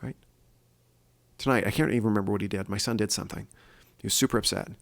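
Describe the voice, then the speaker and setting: A man's voice: lowish voice, steady tone, fast, creaky. A man hosting his own solo podcast, speaking earnestly and thinking aloud with fillers and restarts. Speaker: podcast host.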